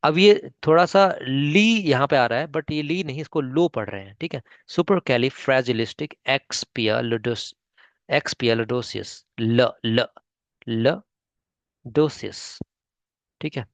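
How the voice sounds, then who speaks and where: Speaking at a measured pace in a fairly high, animated voice, this Indian-accented man gives an online spoken English lesson. He's patient, splitting long words syllable by syllable and repeatedly asking his students "ठीक है?" to check they're following. There's no room sound.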